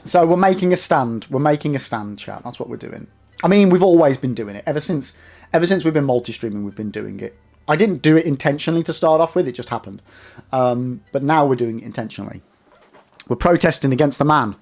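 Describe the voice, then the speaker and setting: A man's voice: medium pitch, expressive, brisk, gravelly, a little mellow. A young man streaming live, rambling casually and talking straight to his chat. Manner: chatty, rambling, addresses chat directly.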